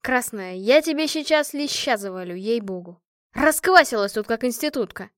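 A woman voicing a caring but blunt young woman squad leader in an audiobook, talking gently and teasingly. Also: on the high side, expressive, normal speed, no room sound, clean studio sound. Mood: brisk scolding.

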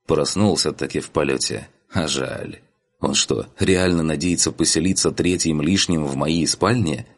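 Deep dude reading an audiobook, wry first-person telling, low voice. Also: male voice. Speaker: audiobook narrator. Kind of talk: audiobook narration.

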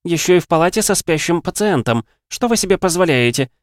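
A man's voice: fairly high pitch, brisk, no echo, clean studio sound, pitched above the performer's own voice, close to an everyday voice. A man reading an audiobook, voicing a weary, commanding woman doctor who barks reprimands. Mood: scolding. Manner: barking, reprimanding.

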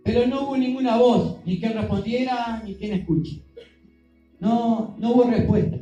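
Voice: mid-range voice, normal speed, mellow, very echoey, lo-fi sound, faint music behind. A preacher giving a sermon, speaking conversationally and often asking the congregation questions. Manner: conversational, asks the congregation questions, acts out scenes.

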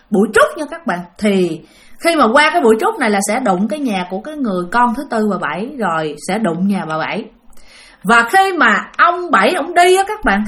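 A woman's voice: fairly high pitch, a bit bright. A woman telling a ghost story, chatting directly to her listeners. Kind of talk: spoken ghost story narration.

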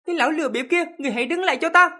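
Man voicing a haughty young sorceress in falsetto. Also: fast talker, darkish tone. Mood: scornful. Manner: haughty and scornful. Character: proud cold young sorceress.

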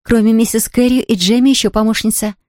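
A woman reading aloud, voicing an eager, chatty young girl who talks in quick exclamations. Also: on the high side, steady tone, a little mellow, dry recording, clean studio sound, pitched above the performer's own voice, close to an everyday voice. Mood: excited. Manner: breathless, rapid, exclamatory.

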